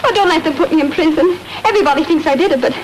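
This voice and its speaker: A woman's voice: high voice, rapid-fire, background noise, lightly acted. An actress playing a frightened young woman suspect in a 1930s radio drama, with a Southern accent and a pleading manner.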